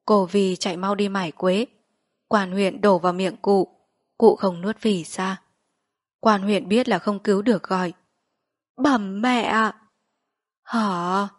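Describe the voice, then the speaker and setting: A woman narrating a literary short story in a measured, steady reading voice. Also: medium pitch, no echo, studio quality.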